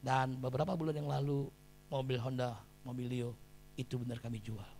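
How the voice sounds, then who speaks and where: A middle-aged male pastor preaching a sermon, dropping to quiet confiding tones and rising to loud shouted exhortation. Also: mid-range voice, level tone, fairly quick, gravelly, a little hiss or hum.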